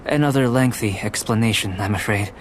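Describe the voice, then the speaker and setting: A man playing a calm, curious young alchemist in a video game, with a measured, formal, analytical way of talking. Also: on the low side, slight background noise, lightly acted. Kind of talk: video game character dialogue.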